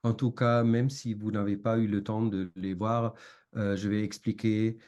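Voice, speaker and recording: Slow, halting man with a foreign accent. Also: fairly low pitch, flat delivery, a little mellow. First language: not French. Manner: halting, hesitant with frequent long fillers. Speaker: academic lecturer. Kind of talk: academic seminar presentation.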